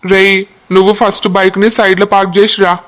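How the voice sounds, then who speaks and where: A man's voice: high voice, flat delivery, a little fast, a bit bright. A voice artist voicing a strict, scolding male police officer in a cartoon. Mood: stern. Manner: scolding, commanding.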